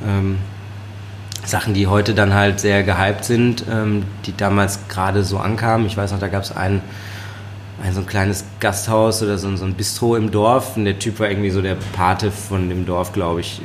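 Lively storytelling man from the Ruhr area. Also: fairly low pitch, moderate pace, slight background noise. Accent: German, Ruhr area. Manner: lively storyteller, laughs often, many fillers. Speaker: chef and sommelier, podcast guest. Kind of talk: casual podcast interview.

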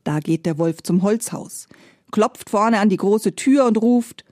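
Slow gentle woman telling a fairy tale. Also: mid-range voice, dry recording, studio quality. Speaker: storyteller.

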